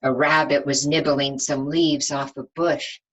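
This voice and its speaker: In a rough recording, a woman with an extremely low-pitched voice reads a picture book to young children as their teacher. She keeps her phrasing simple and expressive, breaking off to ask them questions.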